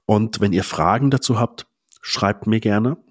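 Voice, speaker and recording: Young male podcast host, husky and dry, pushes points emphatically like a coach. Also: on the low side, unhurried, no room sound. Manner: energetic, emphatic coaching talk with colloquial English fillers. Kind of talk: motivational solo podcast monologue.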